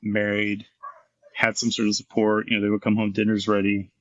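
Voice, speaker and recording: A man's voice: lowish voice, completely flat delivery, normal speed, no room sound, highs cut off. A middle-aged man, a former firefighter and paramedic, telling his story frankly and intensely in an interview, swearing freely.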